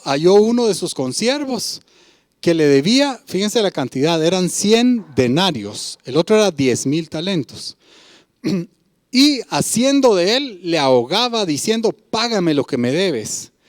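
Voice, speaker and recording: A man preaching a sermon, his fairly high voice rising and falling in wide, lively swings. He stops often to ask the congregation whether they agree. The sound is dry and close, with little room echo. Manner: emphatic preaching, often asks listeners "¿verdad?"; retells a Bible parable and comments on each part.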